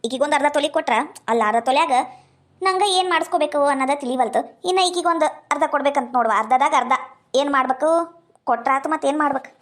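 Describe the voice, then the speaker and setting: A woman with a North Karnataka Kannada accent, performing lively, scolding village banter in a comedy skit. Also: high-pitched, fast.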